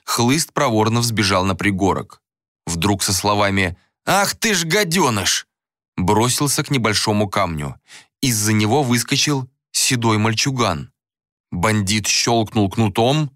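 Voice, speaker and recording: A man narrating a fantasy novel in a measured, dramatic reading. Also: lowish voice, fairly bright tone, no room sound, studio quality. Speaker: audiobook narrator. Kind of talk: scripted narration.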